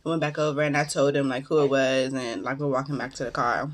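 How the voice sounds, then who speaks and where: A woman's voice: very deep voice, steady tone, quick pace. A woman chatting casually through storytime, talking with her mouth full as she eats and using informal, slangy phrasing. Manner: informal slangy storytelling, acting out quoted dialogue. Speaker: vlogger telling personal stories. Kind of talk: casual storytime mukbang chat.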